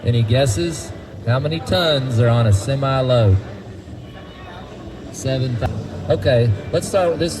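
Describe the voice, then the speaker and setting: A man's voice: medium pitch, poor audio. A man guiding a group through a feed mill, folksy and quizzing the crowd. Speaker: tour guide at a feed mill. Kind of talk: guided tour talk to a group.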